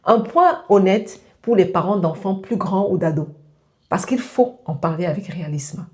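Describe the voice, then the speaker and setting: A woman's voice: mid-range voice, expressive, normal speed, darkish tone. A woman hosting a parenting channel, giving direct, step-by-step advice straight to the listener. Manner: direct, addresses the listener as "tu" with instructions.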